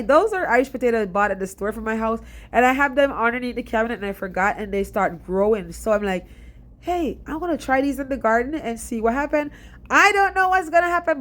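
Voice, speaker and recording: A young Jamaican woman giving a casual, rambling voice-over about her garden, stuffy and short of breath. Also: a little high. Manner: chatty, rambling and fast-talking. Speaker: DIY gardening vlogger.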